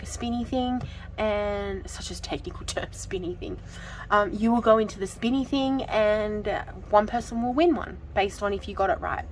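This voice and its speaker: A woman's voice: mid-range voice, slight background noise, rough recording. Chatty woman vlogging. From Australia. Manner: chatty, giggly, with frequent ums. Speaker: budgeting channel host. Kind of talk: casual vlog chat.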